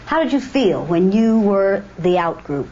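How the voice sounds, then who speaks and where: A woman's voice: mid-range voice, big pitch swings, measured pace, mellow, slight background noise. A middle-aged woman, a former teacher, leading a reflective group discussion with probing, direct questions. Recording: dull lo-fi documentary audio.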